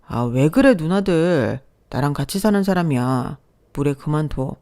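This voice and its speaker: A woman's voice: deep voice, expressive, unhurried, warm tone. A woman reading the part of a callous middle-aged husband who speaks curtly and dismissively. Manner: dismissive, curt.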